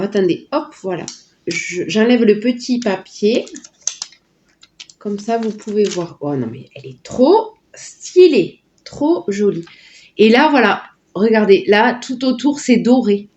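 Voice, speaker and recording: A woman's voice: medium pitch, a little mellow, lo-fi sound. A woman chatting casually and delightedly through a sponsored unboxing, full of little filler words. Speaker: vlogger unboxing a product.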